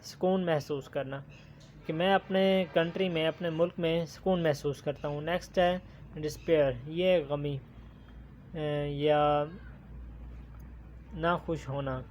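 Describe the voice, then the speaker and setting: Slow, deliberate male teacher. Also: on the high side, steady tone, darkish tone, dull audio, a little hiss or hum. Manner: reads English phrases slowly, then explains them. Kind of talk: recorded textbook lesson.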